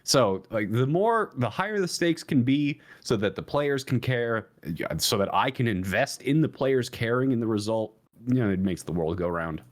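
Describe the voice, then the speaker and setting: A man's voice: lively intonation, normal speed, hardly any pauses. A man co-hosting an esports talk show, explaining his view in a rambling way, with many restarts and fillers. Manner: rambling with many restarts and fillers, jumps higher when emphatic. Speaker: esports podcast co-host. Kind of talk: casual analytical chat.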